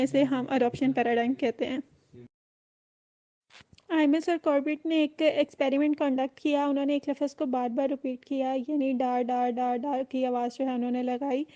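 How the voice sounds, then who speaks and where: High, even-toned woman lecturing. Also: dull audio. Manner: explains in mixed Urdu and English, repeats key phrases. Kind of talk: recorded online lecture.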